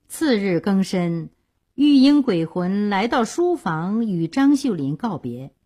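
A woman telling a classic tale on the radio in a measured, expressive reading. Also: mid-range voice, husky. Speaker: storyteller. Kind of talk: radio storytelling.

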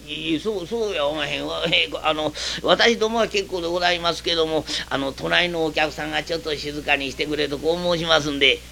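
A man's voice: on the high side, fairly quick, vocal fry, few pauses, slight background noise. A man voicing a timid, overly polite inn clerk with a Kansai accent in a comic storytelling performance. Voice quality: meek, deferential, soft-spoken.

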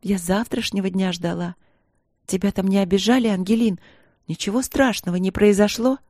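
A woman's voice: mid-range voice, fairly even intonation, normal speed, darkish tone, no echo, studio quality, close to an everyday voice. A woman voicing an overjoyed young queen talking to her sister, eager and breathless, in a storybook reading. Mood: joyful.

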